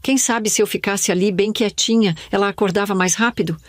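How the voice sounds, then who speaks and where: A woman's voice: mid-range voice, steady tone, brisk, dry recording. Older woman narrating a somber memory. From Brazil. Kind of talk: scripted first-person narration.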